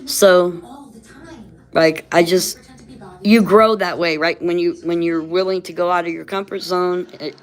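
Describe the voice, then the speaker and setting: A woman with a fairly low voice talks in a loose, rambling, conversational way. Missing teeth soften and slur her s, sh and ch sounds slightly. She often tags her phrases with a quick check for agreement. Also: steady tone. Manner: often ends phrases seeking agreement with "right". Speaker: vlogger. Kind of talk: casual rambling chat.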